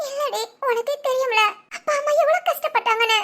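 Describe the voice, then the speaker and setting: A woman's voice: very high voice, fast, sharp tone. A woman voicing a timid young bride-to-be in a cartoon, speaking in a weepy, pleading way. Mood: tearful. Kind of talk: cartoon voice acting.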